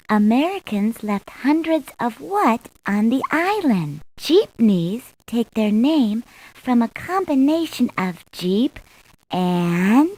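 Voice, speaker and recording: A woman voicing a sweet young cartoon princess in a video game, reading scripted quiz questions in a deliberate, clearly enunciated way. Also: on the high side, darkish tone, exaggerated voice, rough recording. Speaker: quiz character voice in an educational game.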